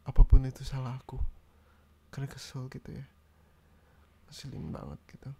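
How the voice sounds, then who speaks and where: Young man, ASMR boyfriend role-play; mellow, gravelly voice, sulky nagging tone, close mic. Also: medium pitch, animated, moderate pace, slight background noise. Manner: pouty, nagging boyfriend complaints. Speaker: ASMR roleplay creator.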